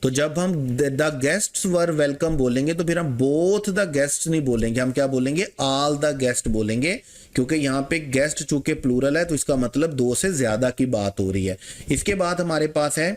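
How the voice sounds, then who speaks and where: A man's voice: mid-range voice, moderate pace. A man teaching an exam-prep lesson. He poses questions to the class, answers them himself and mixes English terms into his Urdu.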